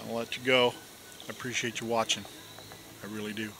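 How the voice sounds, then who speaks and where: A man's voice: lowish voice, little pitch movement, fairly quick, background noise. A man vlogging outdoors at his campsite, chatting casually while he eats, rambling with fillers and trailing off. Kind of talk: casual chat while eating.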